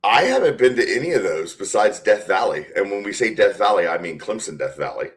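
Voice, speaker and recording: A man's voice: fairly low pitch, expressive, brisk. A man who works as a stadium announcer, answering interview questions in a chatty way and laughing often. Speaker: stadium public address announcer, guest.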